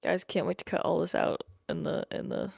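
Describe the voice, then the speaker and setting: A woman's voice: lowish voice, steady tone, a little fast, vocal fry, darkish tone, breathy edge, no echo, studio quality. A woman chatting casually and wryly as a player in a tabletop role-playing game. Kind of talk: casual wry game chat.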